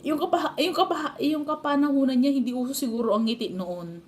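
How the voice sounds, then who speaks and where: A woman's voice: high-pitched, fast talker, a little mellow, slight background noise. A woman with a Filipino accent chatting and telling family stories to her live stream viewers, laughing often. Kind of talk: casual live stream chat.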